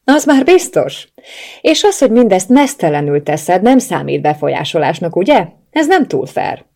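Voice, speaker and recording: A woman reading the lines of a lovesick young male police officer in an audiobook, in an intense, low-voiced way. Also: big pitch swings, gravelly, mellow, full character voice. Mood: teasing.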